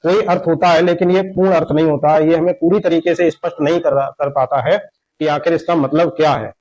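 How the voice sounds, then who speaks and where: Male teacher, slightly high voice, patient explainer, lo-fi mic. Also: fairly even intonation, darkish tone. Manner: slow, explanatory, repeats examples. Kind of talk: Hindi grammar lesson lecture. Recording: dull lo-fi sound.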